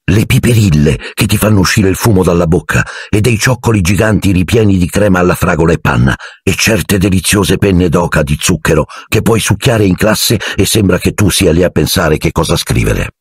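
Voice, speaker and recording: A man's voice: low-pitched, moderate pace, few pauses, slightly rough, no echo, clean studio sound. A man voicing a careless teenage schoolboy wizard who talks offhandedly and dreamily. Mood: dreamy. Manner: offhand and dreamy about sweets.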